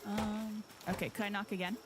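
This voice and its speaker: A woman's voice: mid-range voice, flat delivery, brisk, background noise. A woman chatting casually as a player in a tabletop role-play game. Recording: loud music behind the voice.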